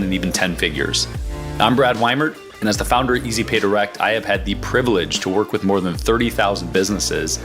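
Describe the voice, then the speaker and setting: A man hosting a business podcast, with an upbeat scripted intro and then casual, rambling questions for his guest. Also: on the low side. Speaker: podcast host. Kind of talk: interview hosting.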